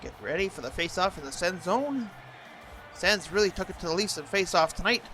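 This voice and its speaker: Guy doing a sports announcer voice for hockey game play-by-play, pretty high and punchy, gets excitable on big plays. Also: brisk, soft background music.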